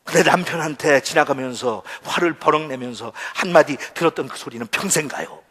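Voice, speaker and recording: A male pastor preaching a sermon in a church, animated and shifting between loud outbursts and soft asides. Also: fairly high pitch, a little fast. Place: church sanctuary. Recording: church hall with long reverb.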